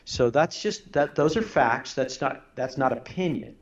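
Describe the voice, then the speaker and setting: On a recording with the highs cut off, a middle-aged man, a former army intelligence officer, talks politics as a radio guest. Expressive and measured, his mid-range voice stays earnest while he halts, repeats words and begins sentences again.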